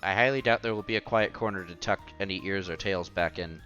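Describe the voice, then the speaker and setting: Soft music plays behind a man with a low voice who reads a visual novel aloud via headset mic. Speaking a little fast on a muffled recording, he acts out the dialogue and casually throws in offhand comments.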